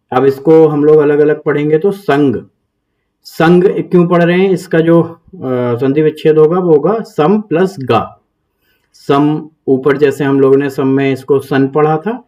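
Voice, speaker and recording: A man's voice: a little high, warm tone. A man, hosting his channel and patiently explaining and reciting a Sanskrit verse step by step. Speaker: Gita teacher, channel host.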